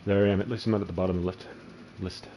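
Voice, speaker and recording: Man, very low voice, crude rambling gameplay commentator. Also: steady tone, rapid-fire, mellow, a little hiss or hum, rough recording. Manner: crude, profane, rambling storyteller. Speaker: gaming channel host.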